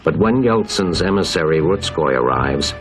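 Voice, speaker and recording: A man narrating a documentary in a measured, scripted delivery. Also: very deep voice, expressive, soft background music.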